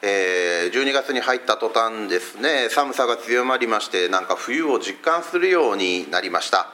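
A man's voice: on the low side, animated, normal speed. A middle-aged male pastor from Fukuoka, giving a chatty sermon to a church service that is streamed online, with lots of filler sounds between phrases. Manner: warm, conversational preaching with frequent fillers.

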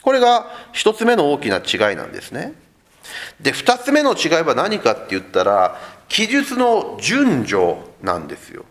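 Lively male pastor preaching a sermon. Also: a little high, normal speed. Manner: animated storytelling, speaks directly to the congregation. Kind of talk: Sunday sermon.

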